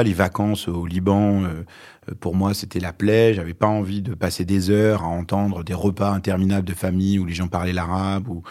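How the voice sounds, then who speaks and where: A man in his forties, born in Lebanon, telling his own story in an interview with many pauses and hesitations. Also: low voice, darkish tone. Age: 40s. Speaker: author and journalist guest.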